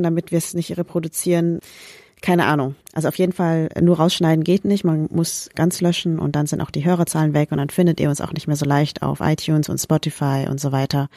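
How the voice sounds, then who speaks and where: A woman's voice: on the low side, darkish tone, dry recording, studio quality. A woman from Berlin co-hosting a podcast, talking frankly and thinking aloud in a casual way. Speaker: podcast co-host.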